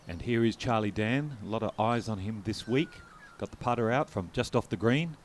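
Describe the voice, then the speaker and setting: A man's voice: on the low side, moderate pace, slight background noise. A man with an Australian accent hosting and giving golf commentary.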